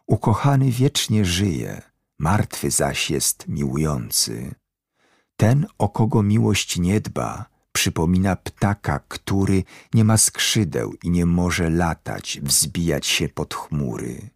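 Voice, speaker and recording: A man with a very deep, gravelly and husky voice recites poetry slowly. His pitch rises and falls expressively, and the sound is dry and close. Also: no echo. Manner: solemn, expressive.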